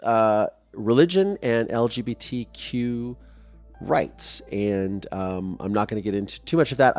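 A man in his thirties hosting a podcast, talking casually and rambling with fillers and restarts, openly emotional at times. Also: fairly low pitch. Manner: openly emotional, voice softening when moved. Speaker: podcast host.

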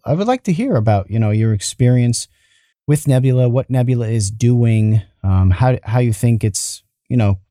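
A man hosts a casual podcast conversation in a mellow, dark-toned voice. He talks in halting bursts, and the recording is dry and close. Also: mid-range voice, animated, no room sound. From New York, United States. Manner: chatty, halting, laughs easily. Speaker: podcast host.

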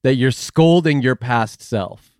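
Man, comedy podcast host, deadpan teasing, very dry close mic. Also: medium pitch, takes it slowly, smooth, dry recording. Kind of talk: improv comedy banter.

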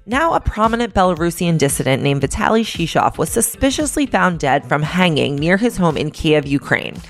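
A woman's voice: lowish voice, very animated, normal speed, soft background music. A woman hosting a news podcast, reading scripted briefings and sponsor copy in an informal, wry manner.

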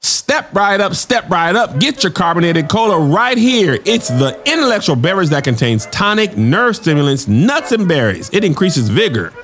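Man doing a wisecracking young pitchman, bouncy, lively voice, fairly high, soft music behind. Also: normal speed, hardly any pauses. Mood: salesman patter. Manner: wisecracking stand-up patter with sudden shouts. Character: joking young male salesman-comedian, cheeky and fast-talking. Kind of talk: comedic audio drama acting.

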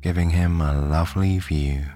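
A British man from the United Kingdom narrating a bedtime sleep story in a soft, soothing way. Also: deep voice, steady tone, moderate pace, soft background music.

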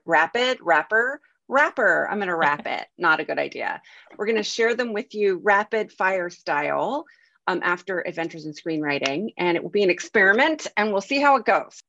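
Woman, podcast co-host, tired, casual chat, lowish pitch, slightly dull dry recording. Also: fairly bright tone, dry recording.

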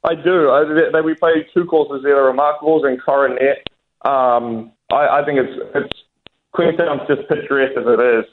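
The mid-range voice of a young New Zealander, a professional golfer being interviewed as a guest, comes through a tinny phone line with a little hiss or hum. His intonation is fairly even and his pace moderate. Casual and hesitant, he laughs easily and keeps restarting, peppering answers with fillers.

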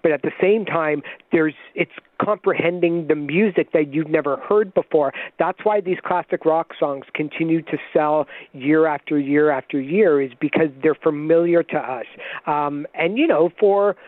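A man joining a radio talk show by phone, explaining in an enthusiastic, fast way. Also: fairly high pitch, no echo. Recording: tinny phone line.

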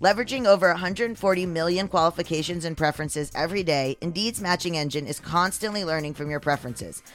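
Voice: mid-range voice, quick pace, a bit bright. Podcast host, androgynous mid-range voice with slight testosterone strain, conversational sponsor reads over music. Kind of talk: scripted ad reads with personal asides.

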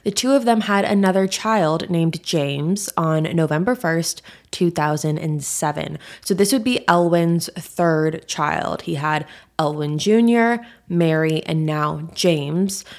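Lower-pitched woman, true crime podcast narrator. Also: takes it slowly, darkish tone. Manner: true crime narrator, casual and direct to listeners. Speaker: podcast host.

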